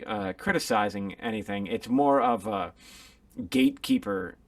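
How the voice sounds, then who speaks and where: Casting: male podcast co-host, heavy gravelly fry, lively up-and-down pitch, halting musing delivery. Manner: musing, halting, puts on quick voices to mimic others. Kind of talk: casual chat.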